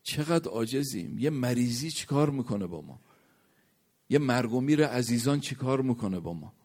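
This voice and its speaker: Animated and somewhat dark in tone, a man preaches a sermon in which he recites Arabic verses and hadith and tells a story. His pitch rises and falls, at times dropping to a near whisper.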